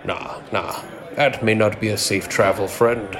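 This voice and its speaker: A man voicing a glum innkeeper with a thick foreign accent, speaking in a low, confiding way. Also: fairly even intonation, unhurried, crowd noise, close to an everyday voice. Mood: wary, grim.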